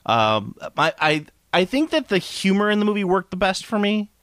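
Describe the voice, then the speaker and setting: A man's voice: high voice, sing-song, normal speed, fairly bright tone, no echo, studio quality. A man co-hosting a casual movie chat, rambling and laughing often, restarting his sentences.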